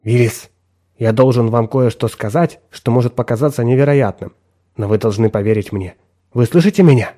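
A man voicing a desperate middle-aged clerk who insists he is alive, pleading and nearly shouting. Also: mid-range voice, moderate pace, natural voice.

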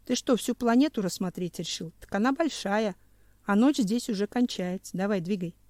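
A woman reading an audiobook, voicing a brisk, teasing male crewman from the future. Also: medium pitch, darkish tone, no room sound, natural voice.

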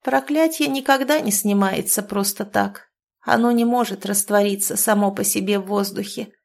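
Hoarse old witch, as a woman reads her. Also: medium pitch, moderate pace, close to an everyday voice. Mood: resigned. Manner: grumbling, resigned, quiet. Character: grieving old woman, a cursed forest witch. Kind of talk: storybook reading.

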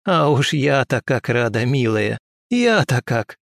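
Guy doing a bossy old witchy granny, scolding and cooing by turns, high and gravelly. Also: big pitch swings, unhurried, no echo, clean studio sound, heavily acted. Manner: scolding, folksy, cackling. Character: shrewd, bossy old village wise woman. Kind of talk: audiobook character voice.

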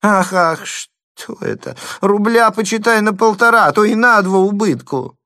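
A man's voice: a little high, moderate pace, a bit bright, dry recording, studio quality, voice pushed up, close to an everyday voice. A man putting on a whining, lisping young man. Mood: wailing. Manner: wailing, near tears.

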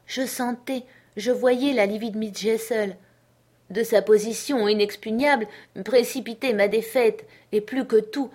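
A woman narrating a literary audiobook in a measured, earnest storytelling manner. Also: medium pitch, darkish tone. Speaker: audiobook reader.

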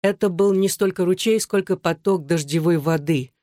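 A woman narrates a story in a calm, even reading voice that sits on the low side. The recording is close and dry, with no room echo. She keeps a steady storytelling manner throughout. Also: normal speed. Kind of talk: audiobook narration.

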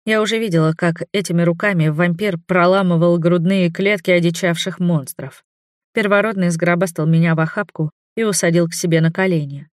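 A man narrating a fantasy audiobook in the first person, in an expressive, dramatic way. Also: high-pitched, fairly quick, no room sound, studio quality.

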